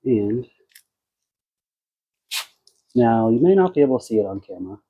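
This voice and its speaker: An American man giving a casual, unscripted product demonstration in a low-key way, thinking aloud as he works. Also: big pitch swings, moderate pace, husky, muffled recording. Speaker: car care product reviewer.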